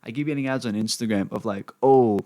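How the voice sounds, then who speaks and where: A man's voice: mid-range voice, quick pace, no room sound. A young Australian man rambling unscripted to camera as a vlogger, swearing freely and filling his talk with "you know" asides, recorded on a desk microphone at his computer. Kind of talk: unplanned rambling monologue. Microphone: desk microphone he sometimes pops.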